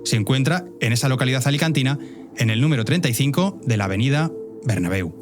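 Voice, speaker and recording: A man's voice: mid-range voice, expressive, fast. A man from Spain hosting a scripted narrative podcast, wry and addressing listeners directly with conversational asides. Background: faint music bed.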